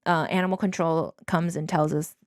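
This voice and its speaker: Young woman, lower-pitched, close dry sound. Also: fairly even intonation, moderate pace, no echo. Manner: informal, candid, punctuated with "like". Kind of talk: casual personal storytelling. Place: small bedroom, indoors. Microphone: handheld microphone.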